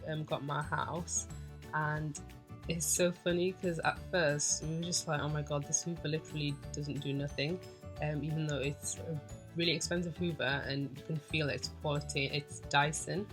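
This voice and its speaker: A young British woman with a croaky morning voice, chatting in a casual, rambling voice-over from bed about her cleaning. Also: low voice. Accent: British English. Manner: chatty, rambling, says "literally" and "like" a lot. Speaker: vlogger. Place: in bed at home.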